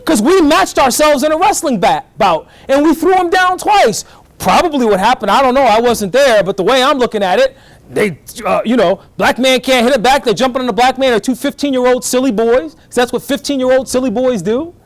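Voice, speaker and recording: A middle-aged professor, appearing as a guest lecturer, delivers a lively college lecture in fast bursts and keeps checking whether the class is following. His voice is very high, and the recording is dry.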